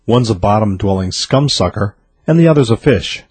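A man reading a string of jokes aloud in a deadpan way. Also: fairly low pitch, normal speed, husky, no room sound. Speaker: joke teller.

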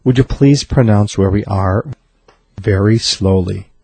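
A man's voice: lowish voice, a little slow, vocal fry, dark tone, husky, no echo, heavily acted. A man voicing a polite, earnest tourist asking for a favor in a joke.

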